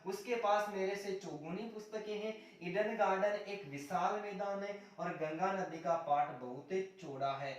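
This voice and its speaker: A man's voice: high voice, a little slow, hardly any pauses. A man teaching a grammar lesson for exams. He asks questions and answers them himself, and keeps calling his viewers "friends". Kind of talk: exam-prep grammar lesson. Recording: very echoey room, voice far from the mic.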